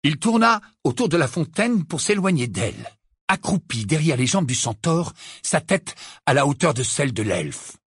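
An audiobook narrator reading a fantasy tale with dramatic, expressive delivery. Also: medium pitch, moderate pace, slightly rough, no room sound, clean studio sound. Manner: expressive, lively storytelling.

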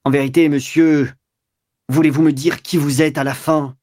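A man doing a stern, shrill police commissioner. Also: level tone, moderate pace, close to an everyday voice. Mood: stern official. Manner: formal, commanding, rising to sharp outbursts. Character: stern middle-aged male police commissioner.

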